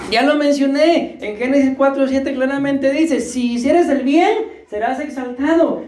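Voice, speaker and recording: Breathless pastor, high voice. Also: male voice, a little mellow, roomy sound. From Costa Rica. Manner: conversational, jokey preaching with questions to the congregation. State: short of breath. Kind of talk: sermon. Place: church hall.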